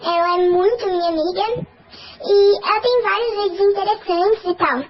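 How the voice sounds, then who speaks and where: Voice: very high voice, moderate pace, crowd noise. A vlogger chatting casually with lots of fillers, their voice run through a voice-changer app that makes it sound like a thin, childlike chipmunk. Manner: rambling, lots of fillers and restarts. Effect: voice-changer app giving a thin, childlike chipmunk voice. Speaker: vlogger promoting a friend's channel. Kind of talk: casual vlog chat. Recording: dull lo-fi audio with clear background noise.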